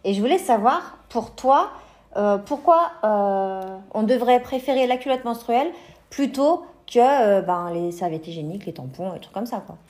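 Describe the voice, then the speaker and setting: A woman interviewer in a casual chat, asking questions loudly and eagerly. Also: fairly high pitch, expressive, moderate pace.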